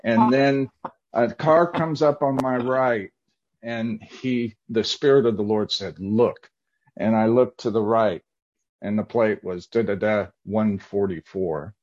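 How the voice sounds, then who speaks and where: Low-voiced man, eager testimony, lo-fi. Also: fairly even intonation, unhurried, darkish tone. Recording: dull lo-fi sound.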